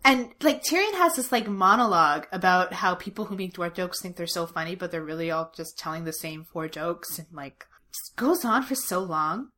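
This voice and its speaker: A woman's voice: fairly low pitch, expressive, normal speed, sharp tone. A woman co-hosting a casual show recap podcast, talking sarcastically with lots of "like" as filler. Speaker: podcast co-host.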